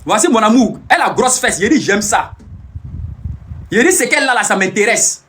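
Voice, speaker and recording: A man's voice: high-pitched, big pitch swings, normal speed, a bit bright, a little hiss or hum. A young man, boastful and teasing, who repeats his phrases over and over in a casual live stream.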